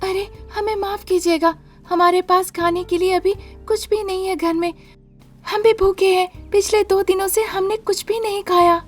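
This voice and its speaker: A frightened young wife in a cartoon story, as a woman puts her on. She pleads in a very high, strained voice, close to tears. Faint music plays underneath. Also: steady tone, moderate pace. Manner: pleading, tearful.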